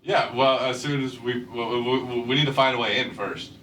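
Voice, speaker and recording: Hesitant, bright-voiced man in a roomy space. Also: mid-range voice, steady tone, moderate pace. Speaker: tabletop game player. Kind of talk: casual chat. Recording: roomy, distant mic with faint noise.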